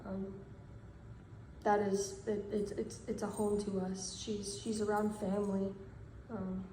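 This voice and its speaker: A woman in her twenties giving a measured, earnest statement straight to camera. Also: mid-range voice, flat delivery, dark tone, roomy sound, a little hiss or hum, low-quality recording. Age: 20s.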